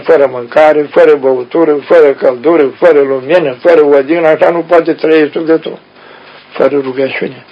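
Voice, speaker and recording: A man's voice: on the high side, gravelly, breathy edge. Folksy man preaching on old radio. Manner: folksy, addresses listeners directly with rhetorical questions. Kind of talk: spiritual teaching sermon. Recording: dull lo-fi radio recording.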